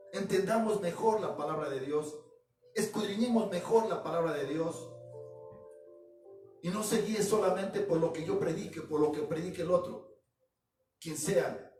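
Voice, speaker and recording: A high-pitched man preaching a sermon from a distance in a reverberant church hall. He presses his points through repetition and calls on the listeners directly. Music plays clearly behind him. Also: a little mellow. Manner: emphatic, repetitive preaching that addresses the congregation directly. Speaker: pastor. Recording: echoey room, distant mic, music behind.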